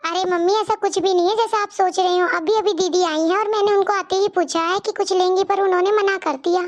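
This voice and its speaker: A woman voicing a polite, dutiful young married daughter-in-law in a cartoon story, with a high, squeaky voice. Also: steady tone, a little fast. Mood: pleading. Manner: polite, pleading.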